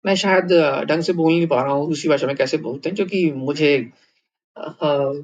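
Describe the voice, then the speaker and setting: A man's voice: a little high, normal speed, lo-fi sound, a little hiss or hum. A man from India teaching how to write words in a new alphabet, thinking aloud with fillers and restarts. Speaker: language teacher. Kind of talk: explaining a writing lesson.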